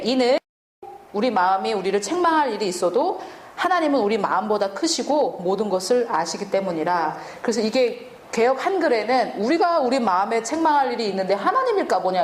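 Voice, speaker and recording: A woman's voice: mid-range voice, roomy sound, a little hiss or hum. A woman preaching a sermon and teaching from the Bible, asking the listeners questions and answering them herself.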